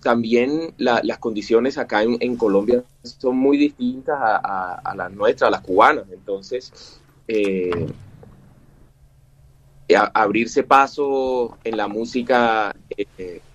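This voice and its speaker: In this interview, a Cuban man in his forties who plays music speaks slowly in a mid-range voice, the recording's highs cut off. He hesitates often, with plenty of fillers and false starts.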